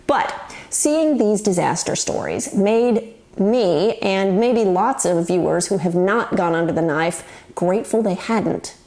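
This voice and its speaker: A woman's voice: mid-range voice, lively intonation, measured pace, darkish tone. A woman in her forties hosting a show, giving wry, chatty, scripted commentary to the camera. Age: 40s. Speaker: host.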